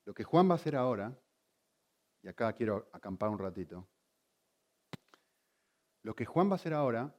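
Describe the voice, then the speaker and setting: A man preaching a sermon, teaching in an animated way and asking the congregation many rhetorical questions. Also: mid-range voice, moderate pace, long pauses, dull audio. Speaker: pastor.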